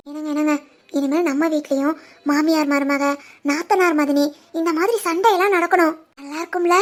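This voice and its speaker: A woman voicing a cheerful young wife who chatters in a bubbly, giggly way with a Kanyakumari Tamil accent, in a cartoon family drama. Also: very high-pitched.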